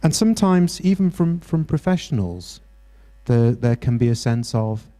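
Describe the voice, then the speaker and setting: A British man with a medium-pitched, animated, mellow voice leads a mental health workshop in a university hall. He teaches interactively, encouraging the group while halting often and restarting his sentences.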